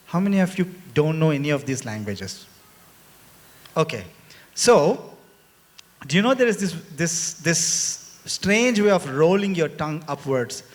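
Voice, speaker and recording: A man leading a music lecture-demonstration, playfully coaxing a live audience to chant along. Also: a little high. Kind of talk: interactive teaching to a live audience. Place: large indoor hall. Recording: echoey hall with long reverb, faint noise.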